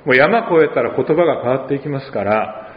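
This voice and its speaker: A male pastor with an Oita accent preaches a sermon in a conversational way, with dialect asides and gentle humor. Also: mid-range voice, animated, fairly quick, roomy sound, long reverb tail, lo-fi sound, a little hiss or hum. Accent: Oita Japanese.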